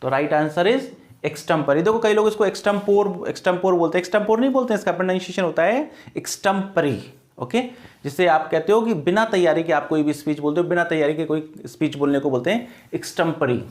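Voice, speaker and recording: A man teaching an exam-prep English lesson, with a voice that sits a little higher than most men's. He keeps asking his students a question and then answering it himself, and he stretches out the key words so they stick. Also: quick pace, a little mellow.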